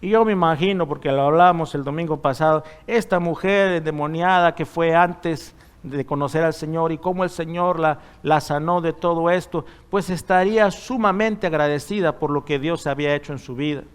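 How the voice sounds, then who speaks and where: A man preaches in church, his voice raised and smooth. He talks with his congregation rather than at them, checking in with them through frequent rhetorical questions. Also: a little high, moderate pace, few pauses. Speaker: pastor. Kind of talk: sermon.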